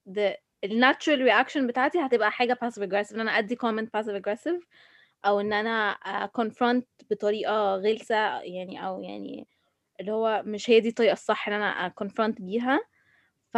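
A woman with an Egyptian accent talking casually about herself, halting and restarting as she switches between Arabic and English. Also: on the high side, dry recording. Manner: mixes Arabic and English mid-sentence. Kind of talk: casual personal discussion.

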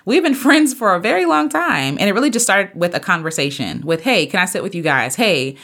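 A woman in her thirties hosting a podcast, talking earnestly and preachily in a casual motivational monologue, with sudden jumps up in pitch. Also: lively intonation, brisk, fairly bright tone. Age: 30s. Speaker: podcast host and singer.

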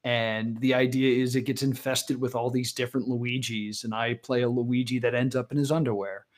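An animated male comedian chatting as an interview guest, jumping up in pitch when he acts out quotes. His voice sits at a middling pitch and his talk is loose and casual. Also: normal speed.

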